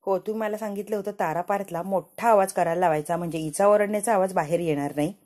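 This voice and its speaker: A woman's voice: mid-range voice, fast talker, a little mellow, lightly acted. A woman playing a flustered, panicky young woman.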